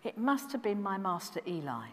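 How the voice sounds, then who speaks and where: A woman's voice: medium pitch, big pitch swings, moderate pace, fairly bright tone. A woman voicing an earnest young boy, a seven-year-old, in a children's church story. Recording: echoey church hall.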